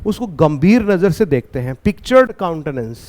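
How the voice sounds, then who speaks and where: High-voiced, slow-talking male teacher. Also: big pitch swings, a little mellow. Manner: reads English lines slowly, then explains with rhetorical questions. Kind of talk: line-by-line poem explanation lesson.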